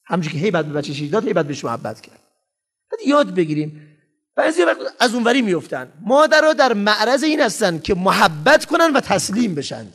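A man's voice: high-pitched, very animated, a bit bright. A man giving a parenting lecture to an audience, emphatic and acting out parents and children as he speaks.

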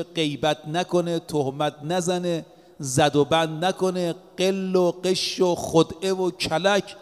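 A man giving a religious sermon as a preacher, speaking emphatically and weaving in recited Arabic scripture. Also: high-pitched. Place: in or near Qom. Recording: long reverb of a large hall.

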